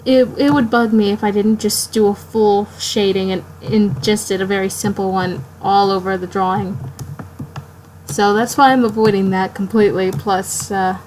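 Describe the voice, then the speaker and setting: A woman's voice: medium pitch, fairly even intonation, darkish tone, rough recording. Woman streamer, tired late-night ramble, mid-range voice, faint hiss behind. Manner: rambling, halting, talks to herself while drawing. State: sleepy, yawning late at night. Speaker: art streamer. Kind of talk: casual live-stream self-talk.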